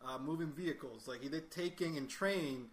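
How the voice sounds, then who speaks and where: A man's voice: fairly high pitch, moderate pace. A man chatting casually about films on a podcast, laughing often and talking with fillers and restarts. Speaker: podcast host. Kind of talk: casual chat. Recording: roomy, faint ambient noise.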